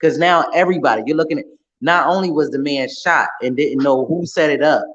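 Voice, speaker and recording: A man's voice: a little high, fairly quick, a bit bright, dull audio. A man in a casual podcast chat, outspoken and blunt, who swears freely. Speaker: podcast guest or co-host.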